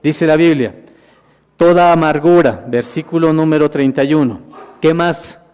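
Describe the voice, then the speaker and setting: A man's voice: a little high, moderate pace, a little mellow, clear, resonant tone. A man preaching a Bible lesson, putting questions to the congregation, calling them brothers, and answering himself. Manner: calls listeners "hermanos". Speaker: minister. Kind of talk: sermon, Bible teaching with slides. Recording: long reverb of a large hall.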